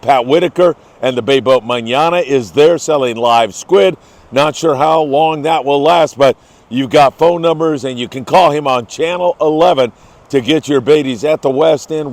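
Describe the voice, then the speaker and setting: A man's voice: fairly high pitch, dry recording. A man hosting a fishing report in an upbeat, effusive manner, like a travel show host gushing about the scenery and the fishing.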